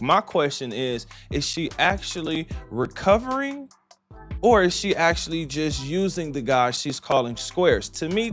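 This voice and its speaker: A man hosting a reaction channel, commenting with incredulous, scolding remarks and laughing asides. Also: a little high.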